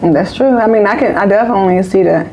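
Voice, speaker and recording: A woman's voice: medium pitch, fast talker, darkish tone, slight background noise, poor audio. A woman in her late twenties or thirties, co-hosting a podcast in candid, emphatic casual conversation. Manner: candid, emphatic, repeats phrases. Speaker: podcast co-host.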